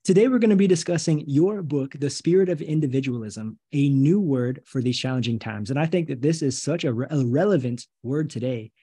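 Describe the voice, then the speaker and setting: A male podcast host welcomes his guest and asks questions, backing him up with short affirmations. His voice is mellow and slightly husky, in a middle pitch. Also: fairly quick, hardly any pauses. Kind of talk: casual interview talk.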